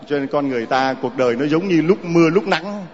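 A male priest delivers a sermon with lively, rising phrases that sometimes slip into a half-sung line. His voice carries a long church reverb, and the recording sounds dull and muffled. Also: brisk, slight background noise. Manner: lively preaching, lifting his voice high and half-singing on scripture. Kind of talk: sermon to a congregation.

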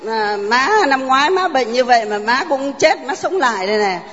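An older woman tells her story before the congregation, pausing often and filling gaps with hesitant sounds. Her voice rings with a long church reverb, and the recording is muffled and dull. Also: sits high, lively intonation, a bit bright, a little hiss or hum. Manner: halting, heartfelt storytelling with many fillers. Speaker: parishioner giving testimony. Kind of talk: personal testimony in church.

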